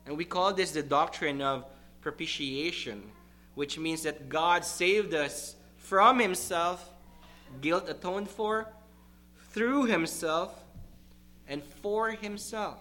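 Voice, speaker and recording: A male pastor preaching a sermon to his congregation, emphatic and deliberate, repeating key words for stress. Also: on the high side, pushed and bright.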